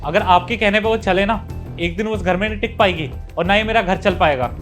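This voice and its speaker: A man's voice: high voice, a little fast, fairly bright tone, soft background music. A man playing a protective son-in-law who firmly rebukes his wife's mother. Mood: reproachful. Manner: firm, reproachful. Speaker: husband character. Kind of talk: family drama acting.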